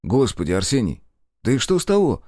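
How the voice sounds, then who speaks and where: A man voicing a calm young gentleman who speaks firmly and curtly as he loses patience. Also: medium pitch, fairly quick, no room sound, studio quality. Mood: stern. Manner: firm and curt.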